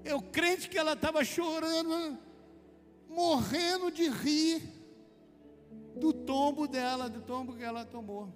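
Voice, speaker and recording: A man's voice: very high-pitched, slow, long pauses. A man with a Brazilian accent preaching a conversational sermon, telling chatty personal stories and calling his listeners brother. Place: church hall. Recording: long hall reverb with faint music.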